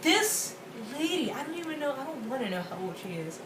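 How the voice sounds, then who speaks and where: Young woman, excitable rant, fairly high voice, distant mic, echoey room with background noise. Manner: excitable, quick, exaggerated. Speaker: co-host. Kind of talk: casual rant. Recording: roomy, distant, noisy home recording.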